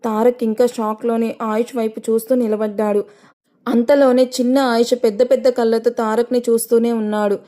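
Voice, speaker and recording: A woman's voice: fairly high pitch, little pitch movement, fairly quick, mellow. Woman narrating a dramatic audio story.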